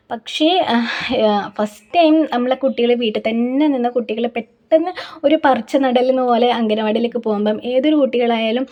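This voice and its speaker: A woman's voice: on the high side, darkish tone. A young woman from Kerala, a mother giving casual, earnest advice to the camera, full of fillers and restarts. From Kerala, India. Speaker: vlogger, mother.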